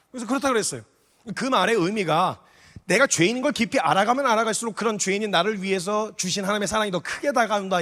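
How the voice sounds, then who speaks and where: A man delivers a sermon at a quick clip, acting out the dialogue in his story and turning to question the congregation. His voice sits high. The long reverb of a church hall trails behind his words. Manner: animated, acts out dialogue, questions the audience. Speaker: missionary preacher.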